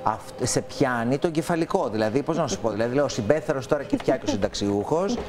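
A man's voice: mid-range voice, expressive. A man in an interview clip, answering in a joking, colloquial way.

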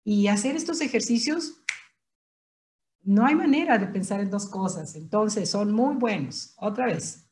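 A woman with a Mexican accent teaching an online class, explaining patiently step by step and repeating each word slowly. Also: medium pitch, animated, darkish tone, a little hiss or hum. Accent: Mexican Spanish. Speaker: tai chi instructor.

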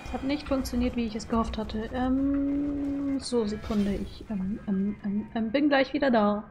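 A woman with a fairly high voice gives casual live commentary on a game. She mutters playful reactions in an informal, chatty way. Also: unhurried. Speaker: video game streamer. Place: small indoor room at home.

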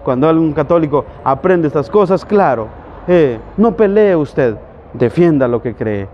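A man's voice: a little high, expressive, a little slow, highs cut off, slight background noise. A man from Guatemala with a Guatemalan Spanish accent, a priest preaching on a psalm in a folksy, conversational way, full of rhetorical questions.

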